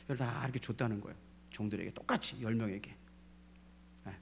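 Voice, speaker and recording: A middle-aged man with a Jeolla Korean accent preaching a sermon, calling out for amens and swinging from loud to hushed. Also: on the low side, quick pace, vocal fry, a little hiss or hum. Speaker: pastor.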